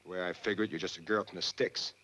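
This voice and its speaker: A man's voice: deep voice, fairly even intonation, fast, sharp tone, slight background noise. An actor playing a bitter, defensive young Southern man with a terse, guarded way of talking, in a 1940s film. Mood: brooding. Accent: American Southern. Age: young adult. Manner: terse, guarded, flaring into anger. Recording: old film soundtrack with music.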